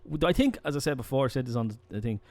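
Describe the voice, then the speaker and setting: Young dublin lad on a podcast, rambly and animated, swears a lot, mid pitched voice. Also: male voice, very fast. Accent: Dublin Irish. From Ireland. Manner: rambling, animated storytelling with frequent restarts and swearing. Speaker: podcast co-host. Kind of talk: casual chat.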